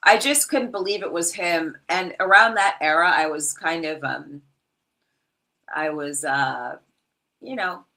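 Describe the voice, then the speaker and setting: A woman's voice: lowish voice, a little slow, sharp tone, low-quality recording. A middle-aged woman guest chatting casually on a wrestling podcast, brash, joking and candid.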